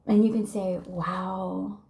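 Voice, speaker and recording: A woman talks slowly and deliberately, leaning on each phrase as she gives an encouraging faith-based monologue. Some words sink to a soft near whisper, and her pitch sits in an ordinary middle range. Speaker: vlogger.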